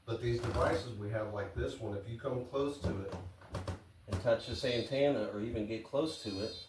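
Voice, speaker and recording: A man talks as a paranormal investigator inside a house, explaining things politely to unseen spirits. He sounds distant from the mic in an echoey room, with clear noise over the recording. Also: medium pitch, moderate pace. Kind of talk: ghost hunt narration, calling out to spirits. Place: indoors in a farmhouse.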